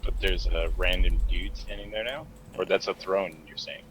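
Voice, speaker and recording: A man's voice: deep voice, fairly even intonation, normal speed, fairly bright tone. A man playing a tabletop game, chatting casually about what his character does. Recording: dull lo-fi sound, faint noise.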